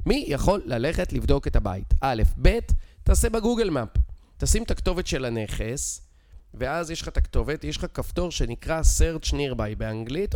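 A man's voice: fairly high pitch, a little mellow. Israeli man explaining things informally. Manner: informal, insistent, teacherly with rhetorical check questions. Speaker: real estate expert guest. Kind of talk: casual explanatory conversation.

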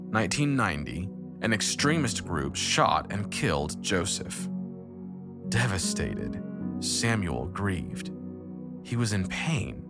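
Male narrator, deep and expressive, scripted devotional narration with music underneath. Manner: measured storytelling with lively intonation. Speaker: narrator of a devotional story podcast. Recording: narration over clear background music.

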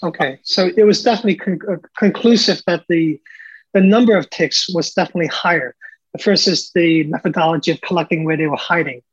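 Husky man hosting, in muffled audio. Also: fairly high pitch, brisk. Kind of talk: casual reactions and questions.

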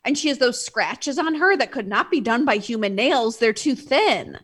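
A young woman in casual conversation about a movie, animated and often acting out characters' lines in exaggerated voices. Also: a little high, normal speed, slightly rough.

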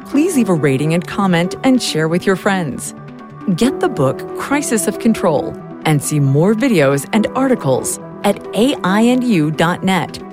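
A woman reading a scripted podcast outro in a smooth announcing manner. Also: lowish voice, very animated, a little slow. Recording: clear music underneath.

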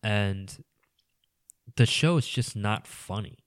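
A man's voice: fairly low pitch, slow pace, clear, resonant tone, no room sound, clean studio sound. A man talking as a guest on a casual podcast, rambling with many "you know"s and trailing into mumbles.

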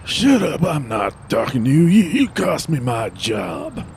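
A scruffy, unhinged man who was fired from his job stammers and rambles with grand self-importance, as a man acts him out. His pitch swoops all over the place. Faint noise runs under the recording. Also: sing-song, a little slow, a little mellow. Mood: irritated. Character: scruffy, erratic, fired middle-aged man.

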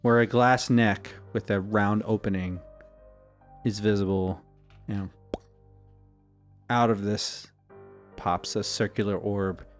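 A man serving as game master, narrating scenes of a tabletop role-playing game in a slow, measured way. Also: fairly low pitch, fairly even intonation, soft background music.

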